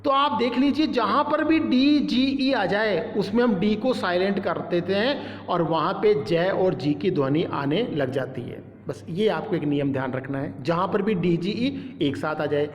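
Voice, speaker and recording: A man's voice: high voice, unhurried, hardly any pauses, lo-fi sound. A male teacher giving a step-by-step lesson, spelling out letters and repeating each word. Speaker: English teacher. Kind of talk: classroom-style lesson. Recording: echoey room with long reverb.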